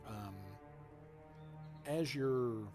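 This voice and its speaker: A man narrating a tabletop game as game master, improvising haltingly with pauses mid-sentence. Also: mid-range voice, over music.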